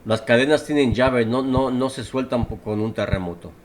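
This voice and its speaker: A man's voice: medium pitch, moderate pace, background noise. A man in a casual Bible discussion, asking questions and explaining his view with frequent restarts. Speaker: Bible study participant.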